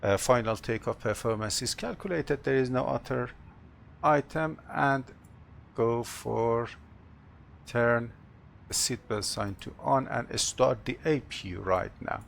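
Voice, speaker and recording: An airline captain whose first language isn't English narrates cockpit procedures, checklist callouts, and announcements in short, halting, procedural phrases. His voice is medium-pitched and creaky, with slight background noise.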